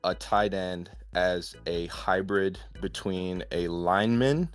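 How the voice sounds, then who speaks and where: A man's voice: sits low, slow, smooth, faint music behind. A man in his twenties, a football player guest, chatting in a laid-back way over a video call and laughing often. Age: 20s. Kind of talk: casual chat.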